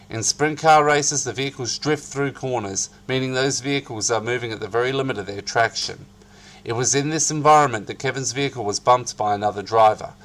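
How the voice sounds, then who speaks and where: A man's voice: mid-range voice, fairly bright tone. Theatrical man giving a hammy dramatic reading. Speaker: narrator reading an article aloud. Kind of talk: dramatic reading of a written article.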